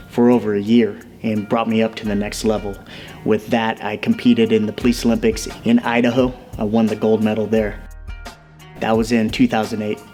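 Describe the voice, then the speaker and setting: A man in his forties with a lowish, steady voice tells his story in a documentary interview. His delivery is measured and reflective, with little rise and fall in pitch. Soft music plays faintly behind him. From United States. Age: 40s. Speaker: police officer and amateur boxer.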